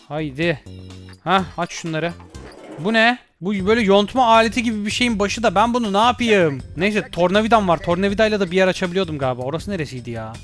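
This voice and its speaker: A young gaming YouTuber with a high-pitched voice yells at a video game while playing a horror escape game live, chatting casually. Excitable, he yells and shrieks when chased and talks both to himself and to the game characters, with faint game music in the background.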